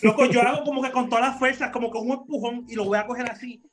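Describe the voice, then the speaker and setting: High-voiced man telling a lively story. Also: fast talker, over a noisy crowd. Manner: lively, laughs often, mixes in English words. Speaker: podcast co-host. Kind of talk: casual storytelling among friends.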